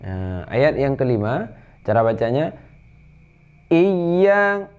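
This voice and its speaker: A man with an Indonesian accent teaching Quran recitation rules, explaining patiently and then chanting verses in a drawn-out higher voice. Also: a little mellow, muffled recording. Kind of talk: tajwid lesson with chanted recitation.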